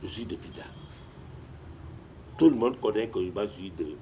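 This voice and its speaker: Older guy, low voice swinging up and down, keeps restarting his sentences as he tells old stories. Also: normal speed, a little hiss or hum. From Guinea. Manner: animated storyteller with frequent restarts and repetitions. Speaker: retired sports administrator and guest. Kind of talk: storytelling in a sit-down interview.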